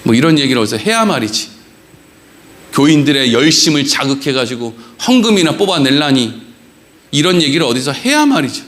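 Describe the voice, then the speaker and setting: A man's voice: medium pitch, animated, a little fast, a bit bright. A man, a pastor, giving a blunt and sarcastic sermon.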